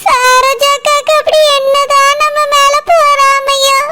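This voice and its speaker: Woman doing a slow, pleading cartoon mother. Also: extremely high pitch, flat delivery, background noise. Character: tearful pleading village mother.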